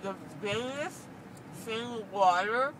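A woman's voice: on the high side, slow pace. Slurred, numb-mouthed young woman, loopy rambling. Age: young adult. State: numb-mouthed and slurred after dental surgery, gauze in mouth. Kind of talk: casual chat. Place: inside a car. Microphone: handheld phone in the car, a little away. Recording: distant car recording with road noise.

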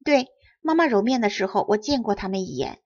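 A woman reading aloud and voicing a cheerful, curious young wife in a storybook, bright and eager, with a husky voice. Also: mid-range voice, expressive, a little fast, muffled recording. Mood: reassuring.

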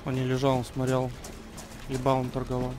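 A man's voice: mid-range voice, monotone, a little fast, background noise. A man giving casual, blunt callouts to teammates while playing a shooter game. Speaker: video game player. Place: voice chat over a shooter game. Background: music and game gunfire.

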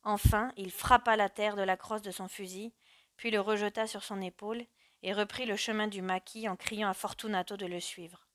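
A woman narrating a classic story in a measured, dramatic reading. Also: mid-range voice, fairly even intonation, fairly bright tone, no room sound. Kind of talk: audiobook narration.

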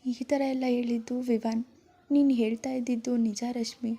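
A woman's voice: a little high, little pitch movement, moderate pace, warm tone. A woman voicing a hurt, tearful young woman speaking in an upset, pleading way.

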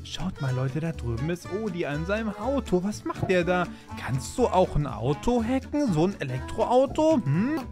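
A woman's voice: on the low side, normal speed, hardly any pauses. A woman hosting and playing in a game role-play, chatty and full of exclamations. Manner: lively, chatty, exclaims a lot. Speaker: channel host playing the lead. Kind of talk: Minecraft role-play with narration to viewers. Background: background music.

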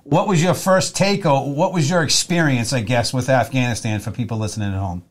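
A man's voice: medium pitch, fairly quick. A man in his forties with a Boston accent, co-hosting an interview in a chatty, rambling way that keeps circling back on his words. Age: 40s. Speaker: podcast co-host. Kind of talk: casual interview chat.

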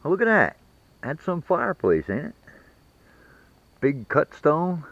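A West Virginian man narrates a metal detecting trip in a folksy, joking style, filmed outdoors in the woods and from inside a truck on a rough trail. His fairly high voice swoops wildly, a little slow, with vocal fry and no echo. The action camera audio is muffled, with loud engine noise.

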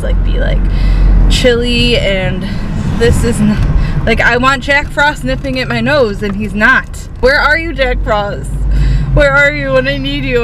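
A woman in her twenties telling everyday stories casually and expressively to a camera inside a car, with lots of filler words. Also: mid-range voice. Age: 20s. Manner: chatty, expressive storytelling with 'like' as filler. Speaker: vlogger. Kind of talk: casual vlog chat. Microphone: dash-mounted camera. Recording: noisy car interior.

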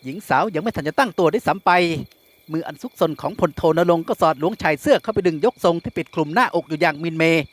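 A male audiobook narrator reads a classic novel in a steady, even way. His voice sits slightly higher than most men's. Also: quick pace.

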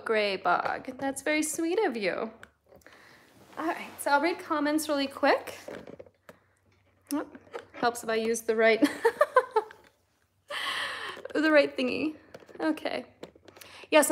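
Slow, giggly woman in an echoey salon. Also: high voice. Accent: Upper Midwest American. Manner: chatty, giggly, slow-paced show-and-tell. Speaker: livestream host. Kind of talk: casual livestream chat. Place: small salon room with barber chairs, indoors. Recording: echoey room with faint noise.

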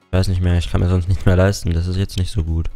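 A man's voice: low voice, little pitch movement, fast talker, dark tone, soft background music. A young man chatting casually at home while playing a game, rambling and swearing now and then. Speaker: gaming YouTuber. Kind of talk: casual Let's Play commentary. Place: home room. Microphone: desktop mic with facecam.

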